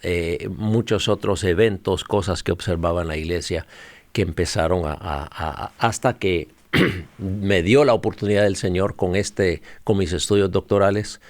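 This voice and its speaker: A middle-aged man with a Honduran Spanish accent speaks in a low voice at a moderate pace, with no room sound. He's a missionary leader appearing as a guest on a conversational podcast interview, telling his story in an earnest, storytelling way full of fillers.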